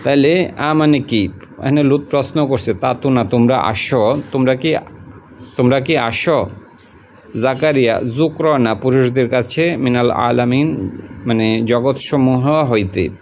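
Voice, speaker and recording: A man's voice: mid-range voice, unhurried, a little mellow, a little hiss or hum. A patient male teacher, lo-fi recording. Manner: repeats each word and its meaning patiently, colloquial. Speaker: Quran translation teacher. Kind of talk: word-by-word translation lesson.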